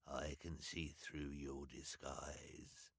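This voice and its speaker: A man voicing a sinister hook-handed henchman, drawling slowly and with menace. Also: a bass voice, flat delivery, fairly bright tone, slightly rough, no echo, studio quality, voice pushed down, full character voice.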